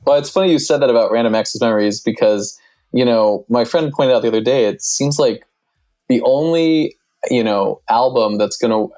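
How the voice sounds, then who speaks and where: A man's voice: mid-range voice, moderate pace, dark tone. A man on a podcast as a guest, talking in a loose, rambling way full of fillers. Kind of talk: casual podcast chat.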